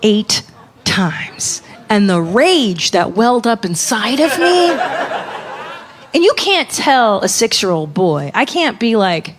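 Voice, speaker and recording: High, swooping woman doing stand-up. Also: sing-song, slow pace, a little hiss or hum. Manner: exasperated, profane, swoops up high for punchlines. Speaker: stand-up comedian. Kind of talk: stand-up storytelling. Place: comedy club stage. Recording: live club recording with loud crowd. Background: loud audience laughter.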